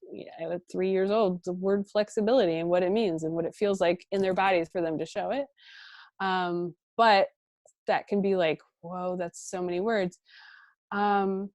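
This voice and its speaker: A woman in her thirties, a guest parent coach on an online interview, talking in a warm, animated way with frequent laughs and fillers. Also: on the low side, no room sound, clean studio sound. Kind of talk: conversational interview.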